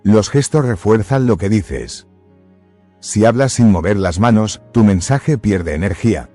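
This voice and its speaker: A man giving scripted motivational narration in a measured, emphatic way, close to the mic. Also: on the low side, dark tone, faint music behind.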